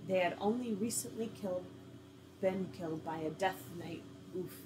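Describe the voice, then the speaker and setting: Woman, story-game reader, casual asides, low-ish voice, background noise. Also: normal speed. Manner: casual, laughing asides while reading. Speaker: game player reading a story aloud. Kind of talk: reading an interactive story aloud with banter.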